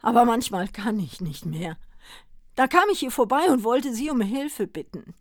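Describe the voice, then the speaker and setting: A woman's voice: fairly high pitch, very animated, normal speed, no echo, clean studio sound. A woman voicing an exhausted, weepy old Santa Claus who speaks wearily and pleadingly. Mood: weary. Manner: weary, pleading.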